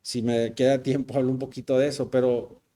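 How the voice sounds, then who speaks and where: A man's voice: medium pitch, level tone, fairly quick, dark tone. A male pastor, preaching a sermon in a conversational, joking way. He often adds tag questions and slips in English words.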